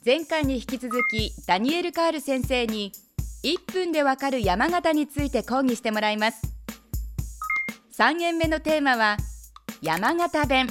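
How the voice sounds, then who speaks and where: A woman giving scripted TV narration in a crisp, polite announcer manner. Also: sits high, lively intonation, a little slow, music in the background. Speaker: program narrator.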